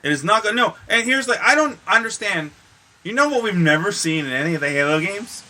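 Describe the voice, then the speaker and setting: A podcast co-host chats casually about movies and games, talking emphatically and bluntly with some swearing. His high voice is animated, fairly quick, and pushed and bright.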